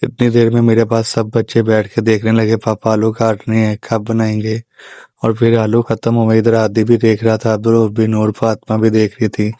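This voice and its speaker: A man's voice: on the low side, completely flat delivery, moderate pace, dark tone, dry recording. A man narrating a family vlog as a father, plainly recounting the day's events step by step. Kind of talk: voice-over storytelling.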